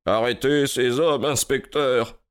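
A man voicing a composed, sharp-minded detective in a storybook reading, slightly higher than his own voice. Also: smooth, lightly acted. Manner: cool, measured, clipped.

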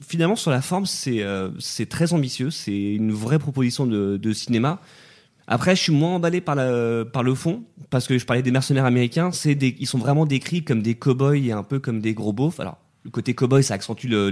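A man's voice: medium pitch, darkish tone. A man chatting casually as a film critic on a festival podcast, talking at length and thinking aloud with frequent restarts. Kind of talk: casual review chat.

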